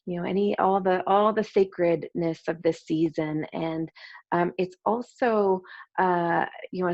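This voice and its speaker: A middle-aged woman, an energy healing teacher, talking gently and hesitantly with many ums and restarts before a meditation. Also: on the low side, no room sound. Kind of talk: casual spoken introduction to a meditation. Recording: slightly dull, dry sound.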